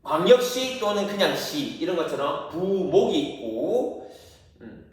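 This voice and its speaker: A man with a slightly high voice teaches a history class, asking his students questions and then answering them. His delivery swings up and down with energy. He sounds distant from the mic, and his voice rings through a strongly echoing room. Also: sing-song, unhurried.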